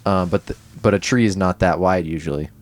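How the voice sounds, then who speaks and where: A man's voice: deep voice, brisk. A man co-hosting a casual podcast chat from a parking lot, laughing often and explaining things loosely. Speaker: podcast co-host. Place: parking lot near a van.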